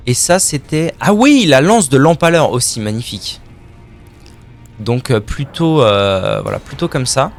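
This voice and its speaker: A man's voice: medium pitch, expressive, a little slow, creaky, faint music behind. A man streaming a video game live, chatting casually with his viewers, joking and swearing as he plays. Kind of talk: live gameplay commentary.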